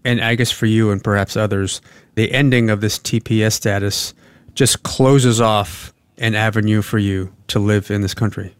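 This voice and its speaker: A man hosting a news interview who asks measured, probing questions. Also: lowish voice, fairly even intonation, clean tone, no echo. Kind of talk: broadcast interview. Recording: dry studio sound.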